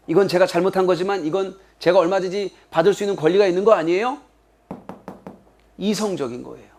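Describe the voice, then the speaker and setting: A middle-aged man teaching an exam-prep English lecture in a classroom. He talks in an animated way and acts out the lines he quotes. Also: high-pitched.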